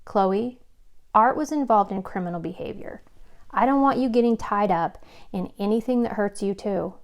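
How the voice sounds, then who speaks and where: An earnest, steady male police chief, as a woman reading the book gives him voice. He talks calmly and kindly, with a measured, serious manner. The pitch sits in an ordinary middle range. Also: lightly acted. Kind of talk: audiobook character reading.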